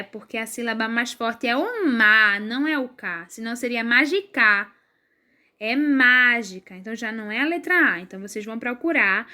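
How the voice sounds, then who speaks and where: Bright-voiced woman teacher, patient explainer. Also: high-pitched. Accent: Brazilian Portuguese. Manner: slow, drawn-out syllables when stressing words; patient, explaining step by step to children. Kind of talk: recorded remote class lesson.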